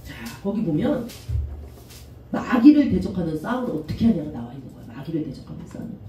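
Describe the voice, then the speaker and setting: A middle-aged woman pastor delivers a lively sermon, her voice leaping high and low. Her tone is dark and mellow, and she sits somewhat back from the mic. The sound carries the echo of a church room, with a faint hiss underneath. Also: fairly quick. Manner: animated preaching, often acts out quoted voices. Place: church sanctuary. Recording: echoey church room from a distance, faint noise.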